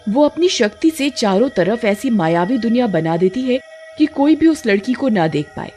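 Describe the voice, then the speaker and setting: A woman giving steady, scripted narration of a cartoon story. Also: a little high, moderate pace, soft background music.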